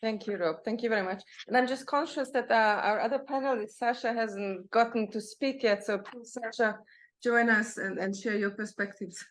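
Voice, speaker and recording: A woman's voice: on the high side, moderate pace. A woman moderating an academic panel, polite and inviting as she hands over to speakers and the audience.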